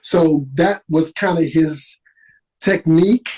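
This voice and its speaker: A middle-aged man, an actor, telling stories in an animated, casual way as a podcast guest. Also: a little high, takes it slowly, slightly rough, low-quality recording. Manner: animated, lively storyteller with restarts. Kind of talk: casual interview storytelling.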